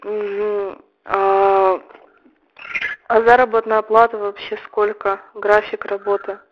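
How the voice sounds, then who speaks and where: A woman's voice: mid-range voice, level tone, slow pace, a little hiss or hum. A woman of nineteen calling over a landline phone, asking questions in a tentative, casual way. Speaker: caller enquiring about a job. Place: on a telephone line. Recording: muffled landline phone call.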